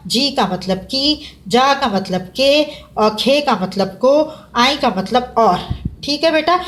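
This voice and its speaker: A woman teaching a class, patiently explaining and slowing down to spell out words for her students. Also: a little high. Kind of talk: classroom lesson.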